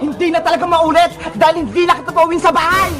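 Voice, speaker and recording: A cartoon voice performer playing a stern, fed-up mother who scolds loudly and fires off questions. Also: extremely high pitch. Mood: angry. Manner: loud scolding, rapid-fire questions. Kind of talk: animated cartoon dialogue. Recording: cartoon track with music and crowd noise. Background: music and crowd sounds.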